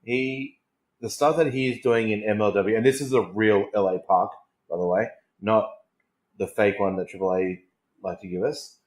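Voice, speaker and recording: Echoey, low-voiced man chatting about wrestling. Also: fairly even intonation, normal speed, darkish tone. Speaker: wrestling podcast host. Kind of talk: casual wrestling chat. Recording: roomy, echoing voice recording.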